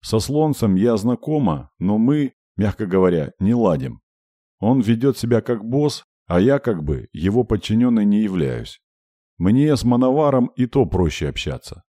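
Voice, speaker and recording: A man voicing a cheerful, energetic supreme goddess woman in an audiobook reading, with a brisk, upbeat manner. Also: on the low side, no echo, studio quality, pitched above the performer's own voice. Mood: lively, confiding. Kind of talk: audiobook character voice.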